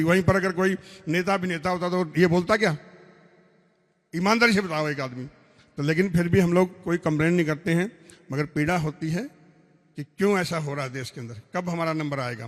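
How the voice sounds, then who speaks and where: A veteran soldier giving an earnest, blunt talk to an audience, telling his own story. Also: fairly high pitch. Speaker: army veteran speaker. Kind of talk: speech to an audience. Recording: reverberant hall.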